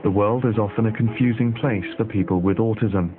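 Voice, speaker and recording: Lowish male documentary narrator. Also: fairly even intonation, fairly quick. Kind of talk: scripted narration. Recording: tinny phone-like lo-fi sound over music.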